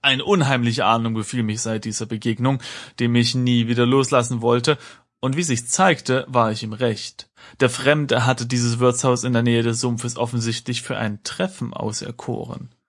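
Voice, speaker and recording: A man's voice: medium pitch, steady tone, moderate pace. A man reading a text adventure's story and dialogue aloud for a friend, with occasional slips and self-corrections. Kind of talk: reading game text aloud with casual asides.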